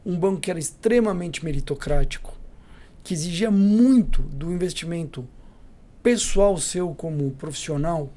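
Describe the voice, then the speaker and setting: A middle-aged Brazilian man with a Brazilian Portuguese accent, a company CEO telling lively anecdotes as a podcast guest, acting out the dialogue. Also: on the high side, normal speed. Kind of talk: storytelling in a podcast interview.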